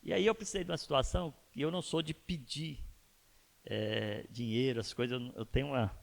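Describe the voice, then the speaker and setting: Gravelly-voiced pastor in his fifties. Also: mid-range voice, steady tone, fairly quick. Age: 50s. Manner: storytelling, asks the audience rhetorical questions. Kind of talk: conversational sermon. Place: church.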